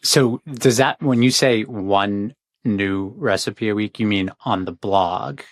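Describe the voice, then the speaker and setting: A man's voice: fairly low pitch, slow, no echo, clean studio sound. A man hosting a podcast interview, asking friendly, encouraging questions in casual chat. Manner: friendly, encouraging, loose phrasing. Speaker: podcast host.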